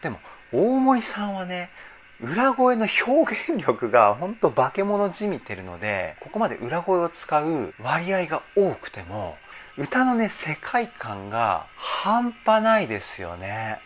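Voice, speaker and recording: A man's voice: fairly high pitch, wildly swooping pitch, a little slow, fairly bright tone, a little hiss or hum. Effusive male vocal coach reacting. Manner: effusive, exclaims between short analytic remarks. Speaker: vocal trainer. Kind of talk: song reaction commentary. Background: faint song playing.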